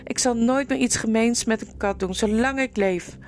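A woman's voice: fairly high pitch, normal speed, faint music behind, close to an everyday voice. A woman voicing an anxious young boy in a storybook reading. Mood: tender.

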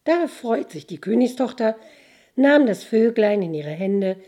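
A woman narrates a fairy tale in an expressive storytelling manner. Her voice is mellow and slightly husky, with a soft, breathy edge. It is a storybook reading. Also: fairly high pitch, a little slow.

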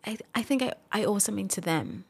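A woman's voice: medium pitch, animated, fast, creaky, a little mellow, breathy edge. A young adult woman speaking as a podcast guest, reflective and open, laughing off moments of emotion. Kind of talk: casual interview talk.

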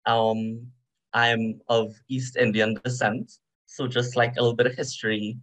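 A man's voice: medium pitch, flat delivery, measured pace, fairly bright tone, low-quality recording. A young man from Trinidad and Tobago, a podcast guest, telling his story in a reflective, conversational way with frequent "um" and "you know".

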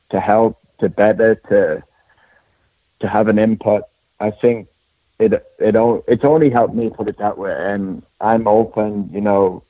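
A man with a Durham accent from north-east England talks in a modest, self-deprecating way. His voice is on the low side. The sound is thin and narrow, like a phone interview on the radio, and quite dry. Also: dry recording. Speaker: racehorse trainer, interview guest. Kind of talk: conversational interview.

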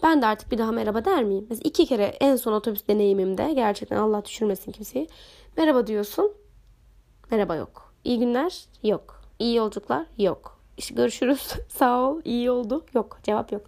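A young woman with a hoarse voice, hosting a podcast and telling everyday stories in an expressive, chatty way. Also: a little high, fast talker. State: hoarse, recovering. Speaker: podcast host. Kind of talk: casual solo podcast talk.

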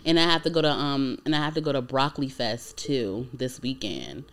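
A woman's voice: very deep voice, animated, brisk. A woman in her twenties co-hosting a casual podcast, talking in a loose, rambling way full of likes and ums. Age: 20s. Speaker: podcast co-host.

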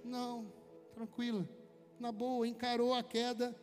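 A man's voice: very high voice, little pitch movement, a little slow. A man with a Brazilian accent preaching a conversational sermon, telling chatty personal stories and calling his listeners brother. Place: church hall. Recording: long hall reverb with faint music.

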